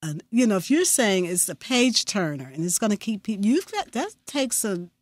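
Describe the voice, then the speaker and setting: A woman hosting a public radio interview in a conversational way, with deliberate phrasing and words repeated for emphasis as she muses aloud. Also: mid-range voice, sing-song, dry recording.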